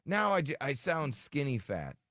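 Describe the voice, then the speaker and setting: In a radio studio, a male host trades casual morning banter, complaining about himself with self-deprecating humor. His voice is a little high and bright, with big pitch swings and a normal pace. The studio-quality recording has no echo, though his studio radio microphone sounds thin and tinny.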